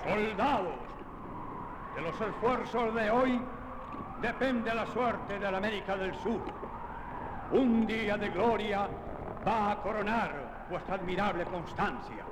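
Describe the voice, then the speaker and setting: A man's voice: very high voice, moderate pace, few pauses, echoey room, long reverb tail, background noise. A man playing a 19th-century general giving a roaring, declamatory rallying speech to his soldiers in a historical drama. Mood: solemn rallying.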